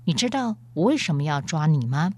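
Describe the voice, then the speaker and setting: A woman voicing a great male lion who is wise, gentle and stern, speaking in a calm, measured, fatherly way. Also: sits low.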